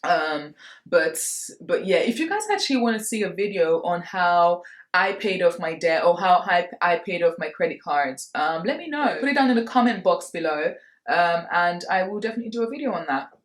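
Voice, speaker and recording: A woman's voice: lowish voice, animated, moderate pace. A woman in her late twenties from Nigeria, chatting casually through a Q&A for her vlog and laughing between answers. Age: 20s. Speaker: vlogger. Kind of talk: casual Q&A chat to camera. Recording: roomy echo.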